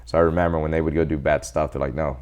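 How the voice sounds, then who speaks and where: His voice rumbles low and his words race as this doctor in his forties, originally from El Salvador, relates his life story to a casual interviewer. He's animated, quoting others as he goes.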